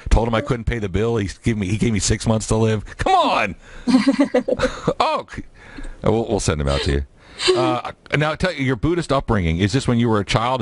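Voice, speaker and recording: A male talk radio host who keeps things light and jokey. His low voice swings widely in pitch as he riffs between questions. The sound is dry and close. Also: dry recording. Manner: jokey, animated, quick asides.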